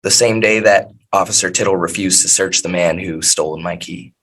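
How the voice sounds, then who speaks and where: An American man addresses a judge as his own defender. His voice is on the low side, and he words things in a stilted, over-polite, legalistic way. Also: fairly even intonation, moderate pace, fairly bright tone. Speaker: self-represented defendant. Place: in custody, on a court video call.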